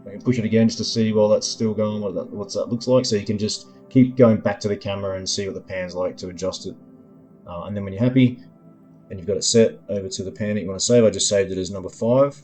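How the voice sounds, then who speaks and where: Guy with a low warm voice doing a tutorial walkthrough of his app, lots of ums, faint music behind. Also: fairly even intonation. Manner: unhurried, filler-heavy, thinking aloud. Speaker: developer demoing his app. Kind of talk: screen-recording tutorial walkthrough.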